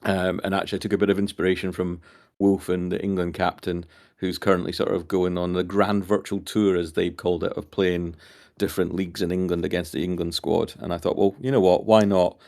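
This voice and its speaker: Deep flat-voiced guy, gravelly, keeps stumbling and repeating himself. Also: fairly quick. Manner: rambling, repeats words and hesitates. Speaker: team captain. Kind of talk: casual chat on a stream.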